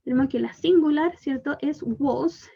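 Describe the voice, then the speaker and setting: A woman teacher with a Chilean Spanish accent, giving a bilingual English lesson, drawing out the English examples slowly and explaining quickly in Spanish. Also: high voice, gravelly, dark tone, dull audio. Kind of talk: bilingual online class.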